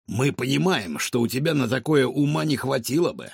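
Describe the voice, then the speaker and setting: This is a man voicing a stern animal detective in a storybook, commanding and bossy. The voice is gravelly and husky, with lively pitch. It is recorded dry and close. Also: a little fast, no echo. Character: bossy male animal detective, a gang leader. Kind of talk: audiobook character voice.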